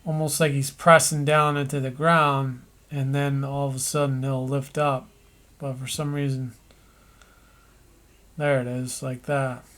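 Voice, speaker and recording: A man narrating an animation tutorial, thinking aloud as he works, with pauses and restarts. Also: fairly high pitch.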